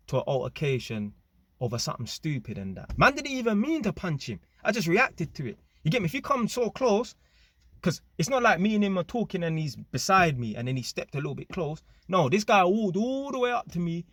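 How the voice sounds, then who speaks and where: A man casually telling a story to camera, animated and full of street slang and tag questions. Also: fairly high pitch, a little fast, dry recording. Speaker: vlogger.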